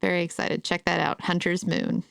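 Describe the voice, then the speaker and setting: A woman's voice: on the low side, level tone, moderate pace, creaky, a bit bright, smooth, dry recording, studio quality. A playful young woman co-hosting a podcast in casual chat, laughing often. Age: young adult. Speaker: podcast co-host and musician.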